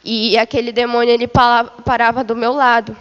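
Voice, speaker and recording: A woman's voice: a little high, flat delivery, fairly quick, fairly bright tone, muffled recording. Woman giving testimony in a reverberant hall. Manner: repetitive storytelling, addresses listeners as beloved. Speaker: church member giving testimony. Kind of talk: religious testimony of a vision.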